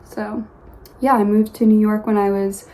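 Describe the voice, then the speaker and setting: A young woman from Los Angeles talking casually to her phone camera from her bedroom, in a soft, rambling way with many pauses and restarts. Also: mid-range voice, level tone, low-quality recording. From Los Angeles, USA. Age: young adult. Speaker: vlogger. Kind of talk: casual get-to-know-me vlog. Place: her bedroom, sitting on a yoga mat.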